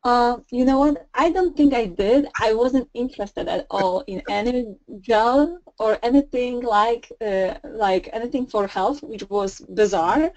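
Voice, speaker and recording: A woman's voice: fairly high pitch, unhurried, hardly any pauses, a little mellow, no room sound, poor audio. A woman in her thirties from Poland with a Polish accent, a non-native speaker of English, chatting as a guest on a remote call in a friendly way. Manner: friendly, laughs easily, slightly non-native phrasing. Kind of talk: casual interview chat.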